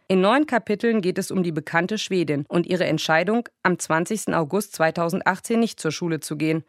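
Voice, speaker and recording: A woman presenting a scripted book review on the radio in an even, measured way. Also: lowish voice, no echo, clean studio sound.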